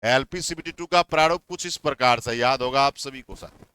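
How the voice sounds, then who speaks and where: A man's voice: mid-range voice, moderate pace, pushed and bright, clear, resonant tone, dry recording. A young man who teaches exam coaching, giving heated, repetitive warnings to students. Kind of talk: impassioned advice talk to students.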